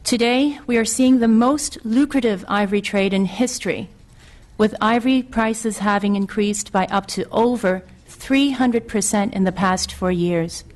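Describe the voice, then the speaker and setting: A middle-aged woman from Hong Kong gives formal testimony to a committee. She reads her prepared statement steadily, earnest and measured, at a middle pitch. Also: darkish tone. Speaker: witness testifying at a legislative committee.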